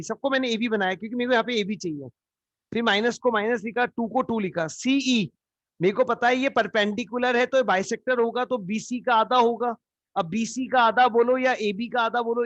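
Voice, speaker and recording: A man's voice: very high-pitched, moderate pace, fairly bright tone, no echo. A man teaching a live geometry class, coaxing students with repeated questions. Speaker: math teacher. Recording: dull lo-fi online class audio.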